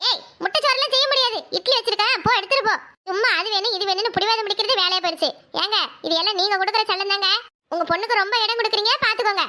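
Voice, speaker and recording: A woman voicing a strict young village mother in a cartoon, nagging and brisk. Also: extremely high pitch, sharp tone. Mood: complaining. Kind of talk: cartoon voice acting.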